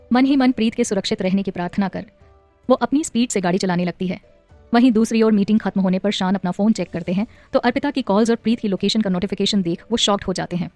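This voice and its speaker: A woman narrates an emotional family audio story in a steady, scripted voice. Her pitch sits in the middle range, and the recording is dry and close, with faint music underneath. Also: no echo.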